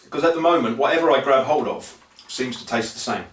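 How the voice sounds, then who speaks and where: A man's voice: medium pitch, animated, quick pace, a bit bright. A man hosting a casual chat, joking and rambling while tasting snacks. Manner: jokey, rambling banter. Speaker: host. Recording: roomy, from a distance.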